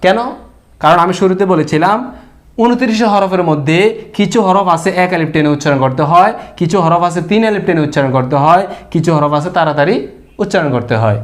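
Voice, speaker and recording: A male Quran reading teacher with a somewhat high voice. He explains each point patiently, repeats key ideas and answers his own rhetorical questions, in the manner of a lesson. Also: quick pace.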